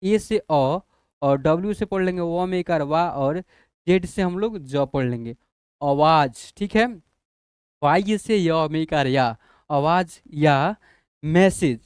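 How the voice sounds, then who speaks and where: A man whose voice is on the high side speaks slowly with a clean tone, teaching English spelling to a class. He patiently spells out letters one by one and asks whether the students follow. The dry recording has clean studio sound.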